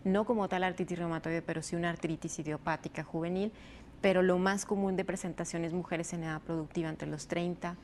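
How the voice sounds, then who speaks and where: A woman doctor answers interview questions in a lowish voice, explaining step by step with fillers here and there. Faint noise hums behind her. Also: steady tone, darkish tone. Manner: explanatory, measured, frequent fillers. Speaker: rheumatologist guest.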